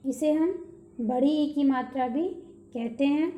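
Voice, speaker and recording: A woman teaches small children in a high, mellow voice, spelling out each syllable slowly and patiently before she draws out the whole word. Her voice rings in a roomy, echoey space. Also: slight background noise. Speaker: preschool Hindi teacher. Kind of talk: slow children's lesson.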